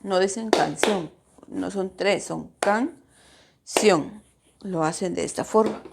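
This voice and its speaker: A woman teacher patiently takes her pupils through a grammar lesson, speaking to them directly and stretching out syllables to show where stress falls. Her voice sits on the low side, with vocal fry and a measured pace. The recording is very noisy.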